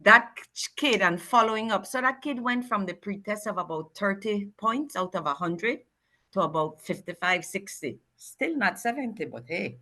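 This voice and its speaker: A woman from Belize speaks with a Creole accent and a bright, forceful voice at a middle pitch. She is an emphatic interview guest who explains through animated anecdotes, slipping into quoted dialogue. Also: normal speed. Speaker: guest, linguistics researcher and educator.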